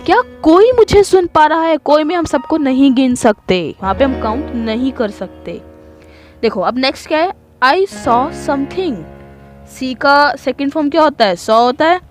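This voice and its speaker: High-voiced woman teaching grammar. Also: faint music behind. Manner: explains each example slowly in Hindi, checking with "ठीक है". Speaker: English teacher. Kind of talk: online grammar lesson.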